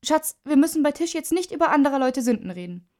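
A woman playing a prim mother who scolds in a raised, higher voice. this is a spoken storybook. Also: big pitch swings, fast, mellow. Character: proper mother, startled and scolding.

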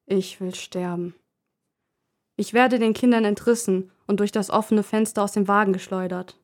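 A woman narrating a first-person story in a calm, measured reading voice. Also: mid-range voice.

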